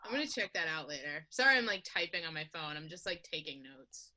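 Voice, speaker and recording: A woman's voice: deep voice, big pitch swings, a little fast, bright, forceful tone. A woman guest on a podcast video call, chatting eagerly and swearing casually while showing off her records. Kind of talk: casual chat about vinyl records.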